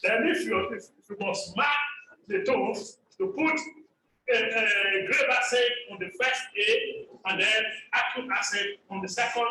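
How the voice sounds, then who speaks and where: A man giving an academic presentation over a video call, explaining slowly and carefully and repeating example words. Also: sits high, sharp tone, a little hiss or hum. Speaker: lecturer presenting on orthography. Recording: echoey room audio from far off the mic.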